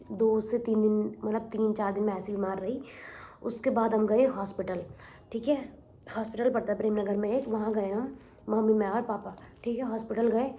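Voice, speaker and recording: Young woman vlogger, mellow low-brightness voice, chatty storyteller who rambles and repeats. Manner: rambling, repeats herself, mixes in English words. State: recovering from illness. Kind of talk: casual storytelling vlog.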